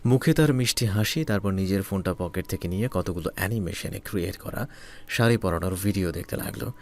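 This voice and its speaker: A man narrating a romantic story in a calm, soft, measured way. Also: low voice.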